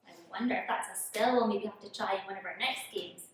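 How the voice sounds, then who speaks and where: A woman's voice: mid-range voice, fast, slight background noise. A woman presenting a children's show, talking to young viewers in an encouraging way with lots of questions. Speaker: children's church show host. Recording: very echoey room, distant microphone.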